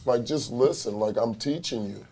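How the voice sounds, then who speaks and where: A man, a youth basketball coach, telling stories in casual chat with an animated manner. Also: mid-range voice, moderate pace.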